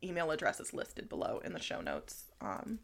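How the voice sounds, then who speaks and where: A woman in her thirties co-hosting a podcast in relaxed casual chat, with many fillers, sometimes dropping to a near whisper. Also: low voice, moderate pace, gravelly. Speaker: podcast co-host.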